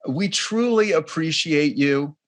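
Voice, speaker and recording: A man co-hosting a podcast, bringing plenty of enthusiasm to the intros. His pitch moves a lot, rising and falling with real animation. He leans on key words as he introduces the guest. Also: lively intonation, slow pace. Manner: enthusiastic, reads intros with emphasis. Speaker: podcast co-host.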